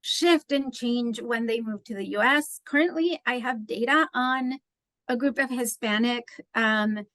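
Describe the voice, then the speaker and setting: A woman's voice: on the high side, a little slow, a bit bright, no echo. A woman from Mexico, an assistant professor asking a chatty question at a talk. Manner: chatty, thinking aloud.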